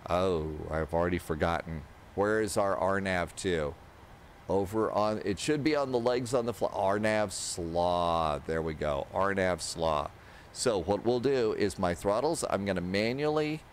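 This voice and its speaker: A low-voiced man in his sixties talks himself through a flight simulator step by step, offering relaxed instructional commentary. He's close to a desk microphone at his home streaming setup indoors, with simulated cockpit sounds and a steady engine drone in the background.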